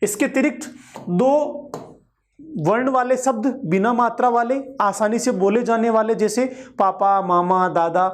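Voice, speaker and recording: A man's voice: sits high, measured pace. A male teacher giving an exam-prep lecture, explaining each point and repeating it with everyday examples.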